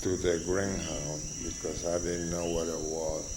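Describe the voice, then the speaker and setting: Crickets chirp in the background as a Spanish-speaking interviewee in his eighties slowly spins out memories, wandering through his stories, pausing with fillers and laughing softly. He speaks in a deep voice with a level tone.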